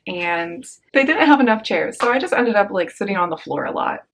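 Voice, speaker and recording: A young woman casually chatting about a book haul on her vlog, slangy and upbeat, with quick asides. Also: mid-range voice, animated, fairly bright tone. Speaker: book vlogger.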